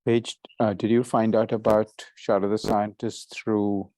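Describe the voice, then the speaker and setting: Male conference call host, fairly low pitch, casual and courteous, asks plenty of questions. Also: level tone, unhurried, mellow, no room sound. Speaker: session host and astronomer.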